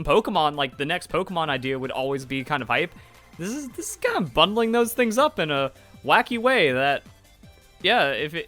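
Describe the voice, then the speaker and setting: Bright-voiced young man rambling casually. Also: a little high. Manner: rambling, lots of "like", quick asides. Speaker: gaming YouTuber reacting to a trailer. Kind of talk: casual reaction commentary.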